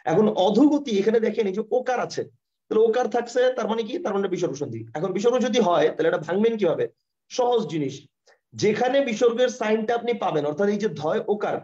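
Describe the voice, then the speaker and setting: A high, quick-talking man with a Bangladeshi Bengali accent teaches grammar in a live online class. He drills each rule again and again and keeps checking that students are following. His mellow voice comes through dull, lo-fi call audio. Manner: fast, repetitive, keeps asking if the concept is clear. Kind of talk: live online lesson with screen share.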